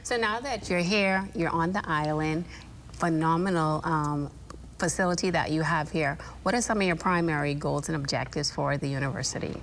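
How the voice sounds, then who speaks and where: A woman interviewer with encouraging, quick affirmations. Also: sits low, a bit bright, a little hiss or hum. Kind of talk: casual interview questions.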